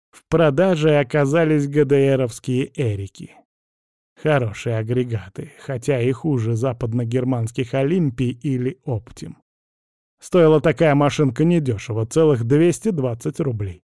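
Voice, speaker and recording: A man's voice: fairly high pitch, vocal fry, dark tone, no room sound, clean studio sound. A man narrating a first-person audiobook in a wry, conversational storytelling manner.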